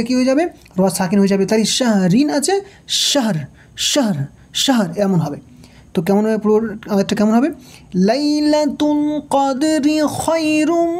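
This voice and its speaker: A woman's voice: medium pitch, warm tone. A woman teaching Quran reading, patiently spelling out each syllable and asking questions as she goes. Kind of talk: slow spelled-out recitation lesson.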